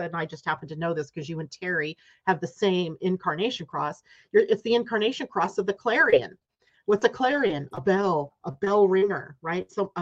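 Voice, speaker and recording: A woman's voice: on the low side, highs cut off. A woman hosting a live astrology show, reading a guest's chart and explaining it step by step, often checking in with "right?". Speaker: astrology host.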